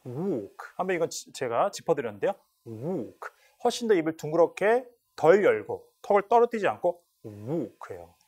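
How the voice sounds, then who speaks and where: A man's voice: fairly high pitch, sing-song, a little fast, few pauses, darkish tone. A man teaching an English test class in a lecture style, repeating words aloud to model how they are said. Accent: Korean. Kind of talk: lecture explaining listening questions.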